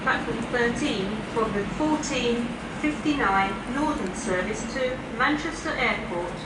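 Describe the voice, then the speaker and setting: Woman's slow station loudspeaker announcement. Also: on the high side, lively intonation. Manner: slow, measured, evenly spaced phrasing. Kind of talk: automated platform announcement. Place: large indoor railway station. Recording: echoey public-address sound from far off in a noisy station. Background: loud station and train noise.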